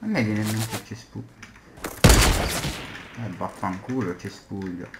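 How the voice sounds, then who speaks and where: A man's voice: fairly low pitch, unhurried. Man cursing explosively over gaming. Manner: explosive exasperated Italian cursing. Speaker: gamer recording own gameplay. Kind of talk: casual gaming commentary while playing. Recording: roomy, clearly noisy home recording with clicks.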